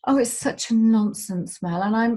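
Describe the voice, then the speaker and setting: A woman's voice: a little high, normal speed, mellow. A woman speaking as a guest in a candid conversation, heartfelt and emotional, swearing casually as she talks.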